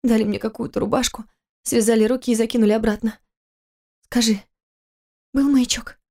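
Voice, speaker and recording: A woman voicing a frightened young wife who pleads and sobs, in a higher voice than her narration. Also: fairly even intonation, normal speed, warm tone. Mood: tearful pleading. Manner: sobbing, pleading.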